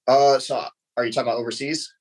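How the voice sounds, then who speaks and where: A man's voice: mid-range voice, steady tone, fast, low-quality recording. A man in his thirties from the United States, a podcast guest talking casually and laughing lightly between answers. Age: 30s. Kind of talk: casual conversation.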